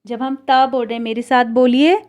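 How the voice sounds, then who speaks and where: A woman's voice: on the high side, flat delivery, normal speed, darkish tone. A woman teacher giving a patient lesson on how speech sounds are made, having children repeat after her. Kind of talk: classroom lesson on pronunciation.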